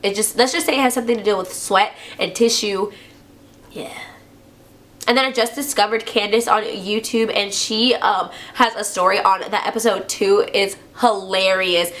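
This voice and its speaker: A young woman vlogger with a stuffy, congested voice and a slightly dry throat, chatting casually and fast with lots of "like" and "y'all". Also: mid-range voice, fairly bright tone. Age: young adult. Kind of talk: casual chat.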